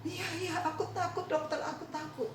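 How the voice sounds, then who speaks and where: A woman's voice: very high voice, steady tone, normal speed, soft background music, voice pushed up. A woman voicing a frightened but loving little boy who talks timidly and pleadingly, in a roomy echo from a distance.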